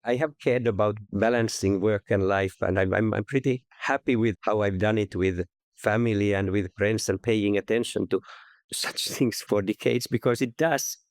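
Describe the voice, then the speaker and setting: A man, answering interview questions in a thoughtful, measured, explanatory way. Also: on the low side, dry recording, clean studio sound. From Finland. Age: 60s. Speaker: guest, investment researcher.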